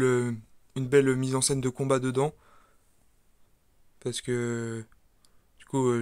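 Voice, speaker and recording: A man's voice: mid-range voice, clear, resonant tone. Casual man touring his model build. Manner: relaxed, hesitant with frequent fillers and restarts. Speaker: video creator presenting his model build. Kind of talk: casual walkthrough commentary.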